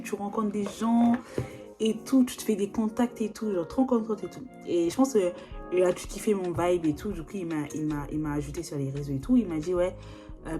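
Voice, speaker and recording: A woman's voice: lowish voice, warm tone. A young woman, chatting casually as a vlogger, slangy and full of fillers, recorded on a phone or video call. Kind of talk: casual chat.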